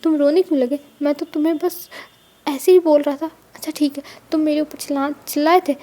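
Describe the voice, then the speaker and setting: A woman's voice: sits high, fairly even intonation, fairly quick, dark tone, close to an everyday voice. Lan Zhan, a woman doing a devoted young husband. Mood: reassuring. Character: young man, devoted, reassuring loving husband.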